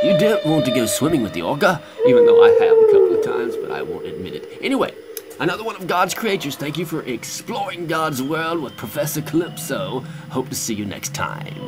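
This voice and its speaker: A man presenting a children's nature lesson in a theatrical host manner, with quaint turns of phrase. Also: mid-range voice. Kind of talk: children's educational narration. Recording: loud background noise.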